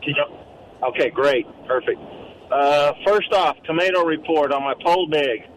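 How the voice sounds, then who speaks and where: A man's voice: on the high side, normal speed. A man calling into a radio show on a hands-free car speakerphone while driving, rambling through detailed questions and correcting himself as he goes. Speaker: caller. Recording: muffled car speakerphone line. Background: faint car noise.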